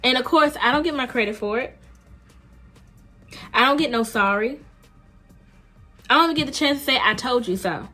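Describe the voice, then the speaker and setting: A woman's voice: high-pitched, moderate pace, pauses often, sharp tone. A woman vlogger recounts a dating story in a casual, unscripted monologue. She is blunt and emphatic, with a slangy, conversational delivery. Faint music plays in the background.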